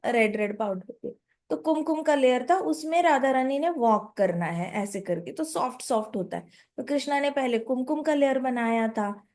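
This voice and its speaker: A woman telling a devotional story expressively, pausing to explain things and mixing in English phrases. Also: high voice, darkish tone.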